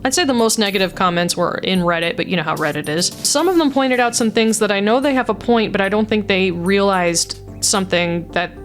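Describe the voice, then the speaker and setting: Over background music, a woman who makes videos and does amateur voice acting gives a laid-back, self-mocking behind-the-scenes talk with vocal demonstrations. Her medium-pitched voice is brisk, with few pauses.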